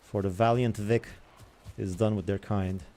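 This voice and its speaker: A man's voice: on the low side, fairly even intonation, unhurried, warm tone. A young man hosting a gaming channel, rambling in casual chatter as he plays and comments on other games.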